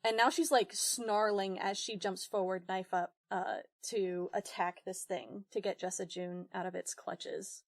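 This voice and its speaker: A woman's voice: medium pitch, steady tone, measured pace, few pauses. A woman player in a tabletop game, casually describing what her character does. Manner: casual, with fillers and laughs.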